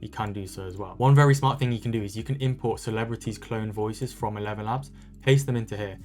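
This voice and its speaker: Rapid-fire upbeat man with a low voice. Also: a little mellow. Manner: rapid, upbeat sales-pitch delivery. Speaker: online content creator teaching social media growth. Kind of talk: screen-recorded tutorial walkthrough.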